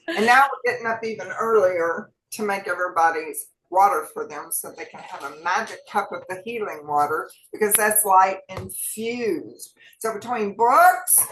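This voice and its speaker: A woman's voice: medium pitch, fairly bright tone, roomy sound, a little hiss or hum, poor audio. A woman, co-hosting and talking straight to her viewers in a chatty, folksy way. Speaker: co-host sharing wellness tips. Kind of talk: casual chat.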